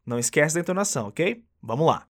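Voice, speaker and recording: A man's voice: a little high, expressive, quick pace. Upbeat Brazilian man teaching English. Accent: Brazilian Portuguese. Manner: upbeat, coaching, repeats phrases for the learner. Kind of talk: friendly language lesson.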